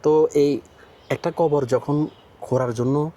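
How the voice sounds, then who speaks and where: A man vlogger conducting a casual street interview outdoors, firing brisk probing questions and calling his interviewee uncle. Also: fairly high pitch, steady tone, warm tone. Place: outdoors in a city cemetery.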